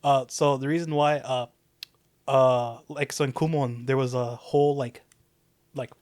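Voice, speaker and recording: A man's voice: mid-range voice, fairly even intonation, a little slow, a little mellow, no room sound, studio quality. A young man co-hosting a podcast, explaining things in a laid-back way with many hesitant restarts. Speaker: podcast co-host. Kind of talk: casual chat.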